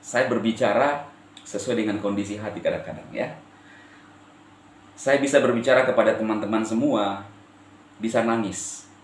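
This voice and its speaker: A man from eastern Indonesia addressing his viewers as a channel host, with a firm intonation that can sound stern even when he is calm. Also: lowish voice, normal speed, pauses often, echoey room. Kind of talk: direct-to-camera address to viewers.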